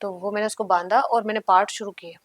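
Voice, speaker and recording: A woman's voice: mid-range voice, fairly even intonation, quick pace, no room sound. A woman guest on a podcast, telling a story vividly and acting out what she once said. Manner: vivid storytelling, acting out her own past lines. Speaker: guest singer.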